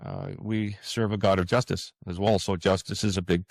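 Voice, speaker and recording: A guest author, a man whose voice is low and deep with some vocal fry, answers questions in a casual interview. His delivery is earnest and hesitant as he gropes for words. The sound is dry, with no echo and very little room.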